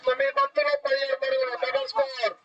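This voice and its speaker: Guy doing excited cricket commentary, telangana telugu accent, really high sharp voice, repeats stuff for emphasis. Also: rapid-fire, highs cut off, slight background noise. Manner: exclamatory, repeats phrases for emphasis.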